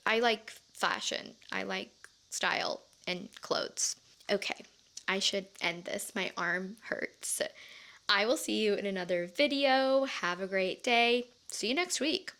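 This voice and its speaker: A woman's voice: mid-range voice, takes it slowly, bright, forceful tone. A young woman book vlogger chatting casually to her viewers, bubbly and self-teasing.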